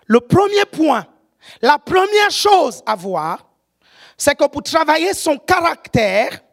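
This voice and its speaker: Woman preacher with an African French accent, high voice that swings widely, animated and often shouting. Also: gravelly. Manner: animated, often shouting, keeps checking the congregation follows. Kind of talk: sermon.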